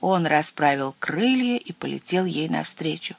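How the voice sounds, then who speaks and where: A narrator reading a children's fairy tale aloud in an even, expressive storytelling voice. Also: mid-range voice, normal speed, gravelly, no echo.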